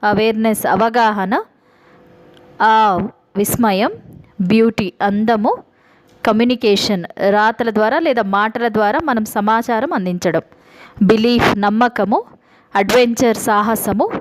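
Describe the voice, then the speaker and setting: A woman with a Telugu accent teaching a spoken English class. She explains in a quick, chatty way, then reads out a vocabulary list at a steady pace. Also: a little high, rough recording. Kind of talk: vocabulary lesson, reading word lists.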